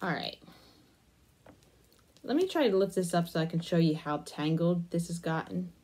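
A crafting vlogger in young adulthood chats her way through a casual crochet demo, engrossed and partly talking to herself. Her lowish voice is animated and a little mellow at normal speed, and she's working in a small attic room.

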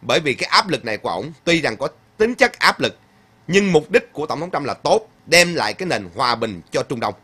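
A man's voice: fairly high pitch, big pitch swings, fairly quick, bright, forceful tone, slightly rough. A man hosting a casual livestream. He reads viewer comments aloud and answers them emphatically, repeating his points with frequent fillers. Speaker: host of a political livestream.

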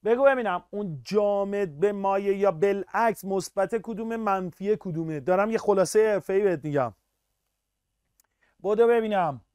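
A man teaching a live online physics class, energetic and upbeat, constantly urging students to answer and praising them. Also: high-pitched, smooth, no room sound, studio quality.

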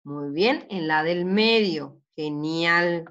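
Profesora lenta y paciente. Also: female voice, on the low side, fairly bright tone, smooth. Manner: slow, patient, spells out words. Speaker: teacher. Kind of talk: online class lesson. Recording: muffled lo-fi recording.

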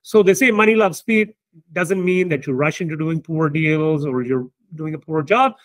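A man's voice: on the high side, moderate pace, no echo. Emphatic man, dry close sound. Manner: emphatic, animated, repeats points with "right?". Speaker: company founder, host. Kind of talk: casual business discussion.

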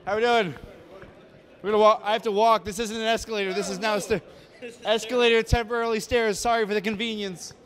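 A man in his thirties talks into a handheld mic while hosting an easygoing walking tour of a large indoor convention hall, joking and putting himself down. He has a high, fairly bright voice, fairly even intonation and a quick pace.

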